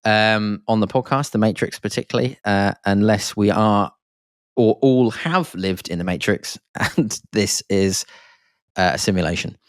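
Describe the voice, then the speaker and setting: A man hosts a podcast in a casual monologue, rambling enthusiastically with many fillers and restarts. His lowish, smooth voice moves at a measured pace, captured in a dry, studio-quality recording.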